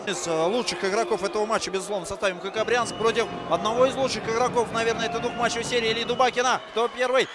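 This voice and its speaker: High-pitched man calling hockey, excitedly. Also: rapid-fire, few pauses. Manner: exclamatory, drawing out names and goal calls. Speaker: ice hockey commentator. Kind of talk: excited live play-by-play sports commentary. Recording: loud music and arena crowd behind. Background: pop-rock music and crowd noise.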